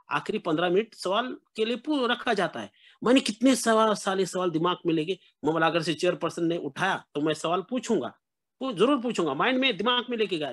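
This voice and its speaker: A man's voice: sits high, fairly bright tone. A middle-aged man from Maharashtra, earnestly sharing his recovery story with a meeting. He keeps calling his listeners friends and mixes in English words. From Maharashtra, India.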